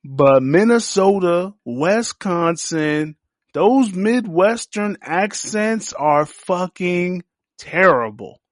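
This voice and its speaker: A man's voice: high voice, animated, takes it slowly, dry recording, clean studio sound. A young man hosting a podcast, reviewing a series in a crude, joking, slangy riff full of profanity. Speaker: podcast host.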